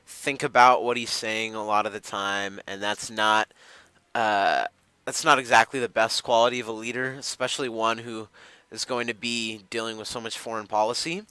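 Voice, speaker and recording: A man's voice: on the low side, steady tone, moderate pace, sharp tone, clear, resonant tone, dry recording, poor audio. A young man giving casual gameplay commentary, rambling with many fillers and restarts. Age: young adult. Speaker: gamer.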